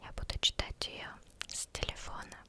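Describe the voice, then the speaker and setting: An ASMR creator whispering tongue twisters in a hushed voice, often stumbling and repeating words. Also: normal speed.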